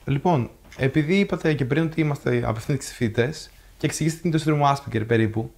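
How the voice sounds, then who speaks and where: A young man, a student interviewer, asking polite, measured questions. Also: mid-range voice, gravelly, a little mellow.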